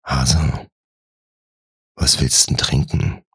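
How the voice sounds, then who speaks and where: A man's voice: fairly low pitch, fairly quick, slightly rough, dry recording, clean studio sound. A man playing a clumsy young boyfriend who hesitates and stammers while trying to please. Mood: coaxing.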